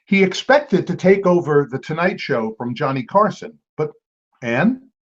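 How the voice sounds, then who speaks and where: A man's voice: on the high side, lively intonation, measured pace. A man hosting an online trivia game as quizmaster, playful, with jokey asides. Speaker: trivia quiz host. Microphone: video call. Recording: dull lo-fi video call audio.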